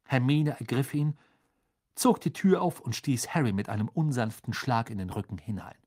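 A man narrating a children's fantasy audiobook with expressive, lively storytelling. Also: medium pitch, normal speed.

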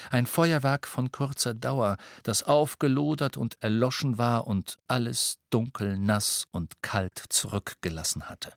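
A man narrating a story aloud in a dramatic, expressive reading. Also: fairly low pitch, no room sound, clean studio sound. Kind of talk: audiobook reading.

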